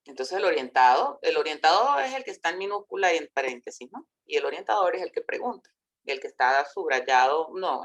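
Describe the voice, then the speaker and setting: A woman with a fairly low voice gives a relaxed recorded lecture on counseling. She talks it through conversationally, with fillers and small self-corrections, and keeps checking that her listeners follow. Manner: explanatory, reads out example dialogue, checks in with listeners.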